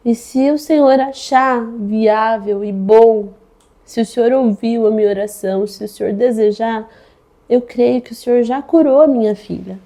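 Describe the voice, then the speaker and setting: A woman's voice: on the high side, dark tone. A young woman with a Brazilian Portuguese accent, earnestly sharing a faith testimony about her baby's healing, often repeating her phrases. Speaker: mother giving a testimony.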